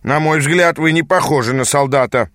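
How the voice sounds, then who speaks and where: A gruff male demon mentor grumbles at his apprentice, as a man puts him on. The voice growls with impatience, recorded dry and close for a storybook. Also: mid-range voice, normal speed, a bit bright, dry recording, lightly acted.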